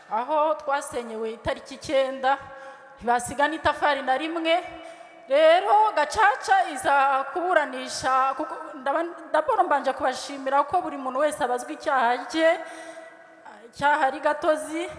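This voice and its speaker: Woman at a public forum, high voice, earnest plea, hall reverb. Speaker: audience member asking a question. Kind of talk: public question at a town hall. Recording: echoey hall.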